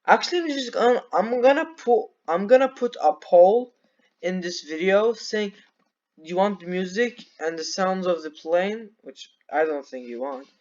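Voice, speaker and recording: A man's voice: sits high, animated, normal speed, muffled recording. Rambling teenage boy from Turkey. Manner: rambling, self-correcting, sleepy. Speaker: reaction video creator. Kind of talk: casual reaction commentary. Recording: loud music under the voice. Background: loud music and airplane sounds from the video.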